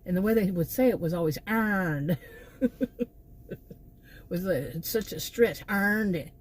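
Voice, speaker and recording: A middle-aged woman from Texas, a channel host, speaks with a Texan accent in a fairly low pitch at a slow pace. Her opinion monologue meanders, full of asides and restarts.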